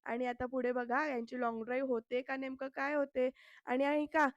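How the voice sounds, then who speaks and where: A woman's voice: sits high, little pitch movement, a little fast, no echo, dull audio. A woman giving a chatty voice-over recap of a TV serial episode, talking straight to her viewers. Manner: chatty retelling, addresses viewers. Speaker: serial reviewer.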